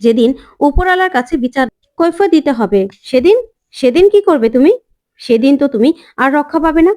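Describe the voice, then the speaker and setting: Determined young mom begging and insisting, narrator voicing her, bit high. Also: animated, a little fast, darkish tone. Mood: insistent. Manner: pleading, insistent. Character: determined young mother fighting for her daughter.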